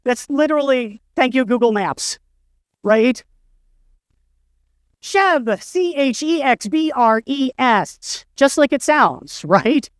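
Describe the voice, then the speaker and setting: A middle-aged man takes the stage indoors for a storytelling keynote, poking fun at himself with wry humor. He speaks slowly and expressively in a very high voice, recorded dry with studio quality.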